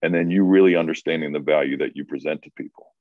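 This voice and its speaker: In a fast, steady bass voice, a male writing coach co-hosts an informal advice conversation for writers. He's thoughtful, frequently starting sentences over and repeating words, and the recording is dry, dull and lo-fi.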